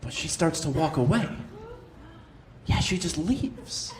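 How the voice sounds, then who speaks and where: A man telling a comic story on stage, switching between quiet asides and loud outbursts. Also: a little high, very animated, slow, echoey room. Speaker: stand-up comedian. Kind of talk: stand-up storytelling. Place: comedy stage before a live audience.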